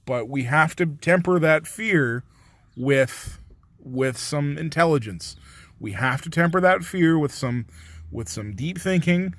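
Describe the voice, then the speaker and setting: A man's voice: a little high, animated, slow pace, a bit bright, dry recording. A man talking earnestly to camera in a casual vlog, rambling and swearing a little as he reassures viewers. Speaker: vlogger.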